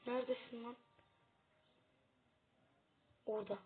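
Female gaming host, casual commentary with sudden excited yelling, slightly high voice, lo-fi phone-line sound. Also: rapid-fire. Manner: chatty, bursts into urgent excited shouting. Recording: tinny phone-like audio.

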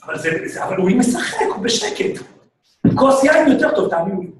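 A man teaching a lively, joking Torah class as a rabbi, often shouting out exclamations. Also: very high-pitched. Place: synagogue hall. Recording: echoey room, speaker far from mic.

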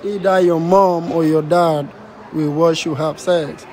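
A high-voiced man runs a casual street interview outdoors in the city. He asks cheeky questions in a teasing tone and laughs easily along with the people he stops. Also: fairly even intonation, unhurried, a little mellow, a little hiss or hum.

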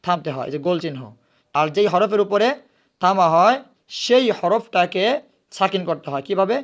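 A man teaches recitation. He spells words out letter by letter, asks questions and answers them himself, then chants the words slowly. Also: high-pitched, dull audio.

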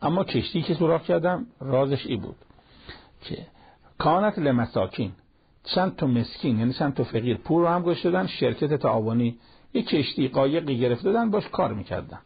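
A man with a rough, gravelly, raspy voice gives a Quran lesson as a storyteller, slipping into the speakers' lines as he retells the dialogue. The sound is dull and lo-fi, like an old television broadcast. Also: mid-range voice, expressive. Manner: retells a story in plain colloquial speech, acting out the dialogue. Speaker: Quran teacher.

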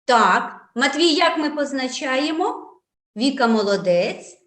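A woman teaching young children to read, sounding out syllables patiently and slowly in a sing-song way. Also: high voice, lively intonation, fairly bright tone, roomy sound. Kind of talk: online preschool reading lesson.

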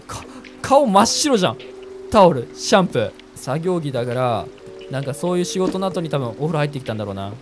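A man's voice: fairly high pitch, sing-song, fast talker. A young man chatting casually and reacting jumpily as he plays a horror game, with game music behind.

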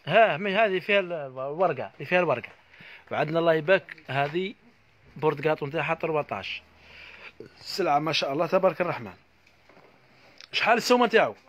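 Rapid-fire Algerian man hawking goods. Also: a little high, fairly bright tone. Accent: Algerian Arabic. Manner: rapid, repetitive hawking with stock blessing phrases. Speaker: shop salesman. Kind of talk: live sales pitch. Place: inside a household goods shop.

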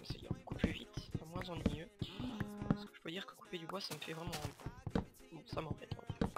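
A young man with a northern French accent casually commentating his gameplay, chatty and self-mocking, with sudden bursts of excitement. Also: a little high, a little fast. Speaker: gamer commentating his play. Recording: home mic with loud game music behind.

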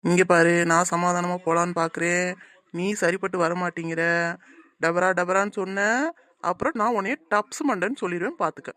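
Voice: medium pitch, fairly even intonation, moderate pace, fairly bright tone, natural voice. A performer voicing a mild young boy in a cartoon who wants to make peace. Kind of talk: cartoon voice acting.

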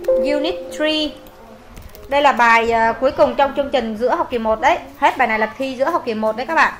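A high-pitched Vietnamese-accented woman leads a classroom English lesson, brisk and repetitive as she drills words with her students. A faint hiss of noise sits under her voice. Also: fairly bright tone. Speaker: English teacher. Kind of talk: classroom lesson, reading aloud and translating.

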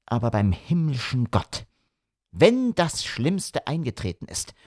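A man's voice: mid-range voice, wildly swooping pitch, slow, no room sound, clean studio sound, exaggerated voice. A man voicing an intense, commanding male detective in an audiobook, with a grave, urgent delivery. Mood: furious. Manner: grave, urgent, hushed to shouting. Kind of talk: audiobook character reading.

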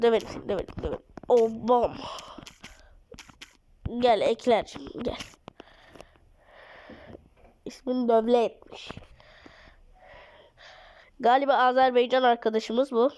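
A woman giving excited live commentary on a mobile game, her voice a little off from being ill, recorded on a phone mic. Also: a little high, measured pace, long pauses, slight background noise, low-quality recording. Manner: excitable, urges and scolds the game, drops to mutters. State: slightly ill voice. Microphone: phone mic via screen recorder.

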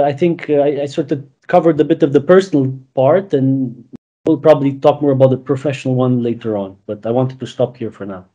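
A man's voice: mid-range voice, mellow. A man, talking as a guest on a video call interview, rambling with many restarts and fillers. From Romania. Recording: dull lo-fi call audio.

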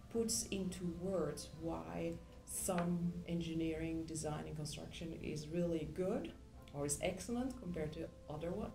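A woman's voice: lowish voice, mellow, roomy sound, poor audio. A middle-aged woman from Belgium, an engineering professor, answering interview questions thoughtfully with many ums and restarts. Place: indoor room.

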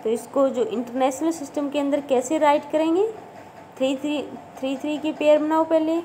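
A woman's voice: high voice, steady tone, moderate pace, dark tone, slight background noise, poor audio. A woman teaching a school math lesson with a Haryanvi Hindi accent, talking patiently and repeating numbers with frequent "okay" checks. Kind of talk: classroom math lesson in Hindi-English mix.

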